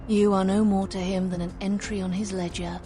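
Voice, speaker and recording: A woman voicing a cold, scheming female vampire leader in a video game, speaking in a measured, formal, quietly threatening way, with music behind. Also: mid-range voice, level tone, lightly acted.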